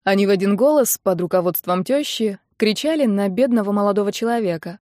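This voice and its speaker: A woman narrates a first-person story with lively delivery. Her mid-range voice is recorded close and dry, audiobook style. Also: mid-range voice, fairly quick, dry recording.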